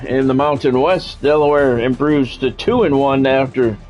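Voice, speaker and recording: This streamer's voice is medium in pitch and a little mellow, moving at a moderate pace on a rough recording with faint music behind it. He narrates a video game football match play by play like an announcer, breaking off for wry, grumbling, sometimes profane asides.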